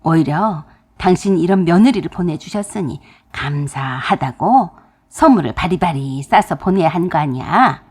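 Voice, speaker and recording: Woman doing a low, gruff old father-in-law. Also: animated, normal speed. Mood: angry. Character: blunt older father-in-law.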